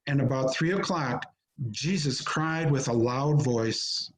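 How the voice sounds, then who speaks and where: A man narrating a scripture reading in a measured, solemn manner. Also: medium pitch, a little hiss or hum, rough recording. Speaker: narrator in a church Passion reading.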